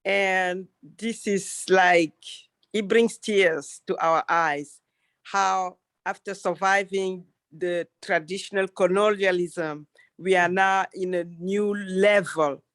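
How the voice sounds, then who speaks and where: Earnest woman, slow and dry. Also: mid-range voice, steady tone, fairly bright tone, no echo. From Cameroon. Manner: earnest and heartfelt. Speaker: audience member. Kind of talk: online town hall comment. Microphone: video call.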